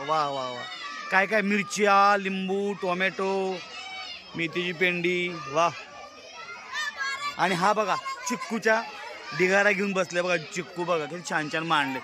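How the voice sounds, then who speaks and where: A man's voice: high-pitched, unhurried. A man with a Marathi accent doing a cheerful walkaround vlog, exclaiming and asking children their names at an outdoor school fair. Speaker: reporter touring a school market. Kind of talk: casual walkaround vlog commentary. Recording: busy crowd and loud outdoor noise.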